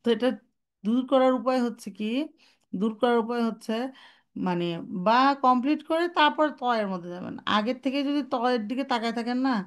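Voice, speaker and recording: Woman teaching Quran pronunciation. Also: fairly high pitch. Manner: explains step by step, demonstrates sounds, asks and answers her own questions; mixes English terms into her speech. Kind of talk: online tajweed lesson.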